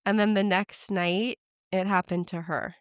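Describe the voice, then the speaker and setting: A woman's voice: mid-range voice, steady tone, measured pace, no room sound, studio quality. A woman podcast host retelling a story in casual chat, with frequent "like" fillers.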